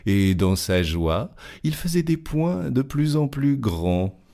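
A man reading a fairy tale aloud as narrator, with lively, expressive storytelling. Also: mid-range voice, slow, creaky.

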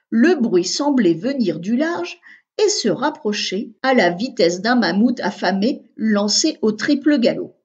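Husky woman reading a children's story. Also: a little high. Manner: expressive, animated reading. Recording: dull lo-fi recording.

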